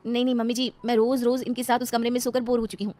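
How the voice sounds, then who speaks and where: A woman voicing a sharp-tongued, stubborn young wife in a comic skit, scolding and insistent. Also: a little high, flat delivery, very fast, voice pushed up, natural voice.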